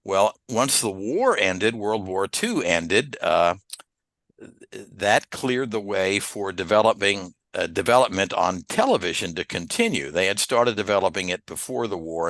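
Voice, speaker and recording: A man in his seventies from the Philadelphia area, telling his life story as a podcast guest at an unhurried pace with many "uh" pauses. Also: low-pitched, a bit bright, no room sound. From Philadelphia area, USA. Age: 70s. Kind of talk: relaxed interview storytelling.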